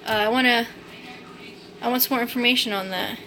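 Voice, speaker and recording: Talking fairly quickly in a slightly high voice with fairly even intonation, a weary young New Englander chats her way through a relaxed live stream. Her talk is rambling and full of fillers, punctuated by angry swearing now and then, and the background is noisy.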